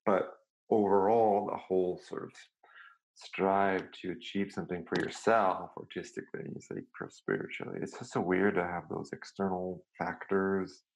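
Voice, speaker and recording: A man, his voice gravelly and a little low. He talks in a thoughtful, searching way, often restarting his sentences as he reflects on his life in music. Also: normal speed, low-quality recording. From Serbia. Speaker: guest musician. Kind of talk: reflective casual conversation.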